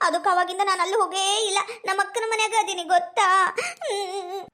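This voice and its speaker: Woman playing a weepy, very high-voiced village woman. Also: steady tone, a little fast, a bit bright. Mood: tearful. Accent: North Karnataka Kannada. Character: tearful, food-loving young village woman.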